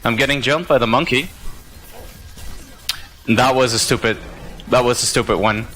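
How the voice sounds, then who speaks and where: A man talks through a replay of his own match with a bright, forceful voice. He is reflective and self-critical, pausing on hesitant fillers as he works out his mistakes. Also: mid-range voice, low-quality recording. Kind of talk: gameplay commentary.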